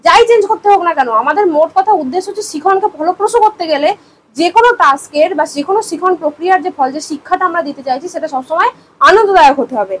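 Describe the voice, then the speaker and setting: A woman's voice: very high voice, quick pace, slight background noise, rough recording. A young woman in her twenties giving an exam-prep lecture, explaining with everyday examples and rhetorical questions and mixing in English terms. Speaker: teacher.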